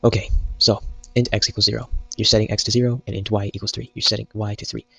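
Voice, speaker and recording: A man's voice: on the low side, level tone, fast, vocal fry, fairly bright tone, slightly rough, poor audio. A young man giving a casual, joke-filled programming tutorial while typing at his computer. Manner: jokey, meme-filled explaining. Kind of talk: casual screen-recorded coding tutorial.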